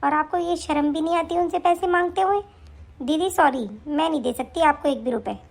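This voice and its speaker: A woman's voice: high-pitched, a little fast, vocal fry. A woman voicing a scornful, stingy young wife. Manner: scolding, sharp and taunting. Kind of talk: animated story voice acting.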